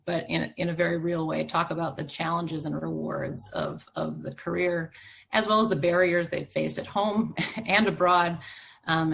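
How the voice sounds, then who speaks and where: Gravelly low-voiced woman panelist. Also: a bit bright. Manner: thoughtful, many fillers. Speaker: panelist, foreign service officer. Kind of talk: panel talk.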